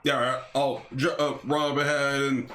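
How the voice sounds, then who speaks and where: A man playing in a tabletop game, hesitant and full of pauses as he decides his moves. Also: mid-range voice, little pitch movement, a bit bright, a little hiss or hum. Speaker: player. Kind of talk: casual tabletop play.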